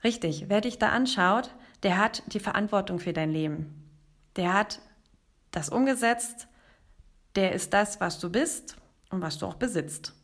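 A woman's voice: mid-range voice, expressive, a little slow. A woman hosting a motivational podcast as a life coach, speaking emphatically and addressing the listener directly. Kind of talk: motivational podcast monologue with storytelling.

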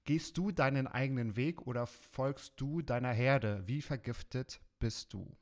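A man's voice: mid-range voice, measured pace. Upbeat male podcast host. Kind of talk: conversational podcast interview.

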